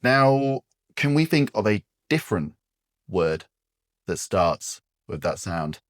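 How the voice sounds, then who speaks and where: A man guiding aphasia word-finding exercises as a speech therapist, speaking patiently and encouragingly with pauses. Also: lowish voice, sing-song, no echo, clean studio sound.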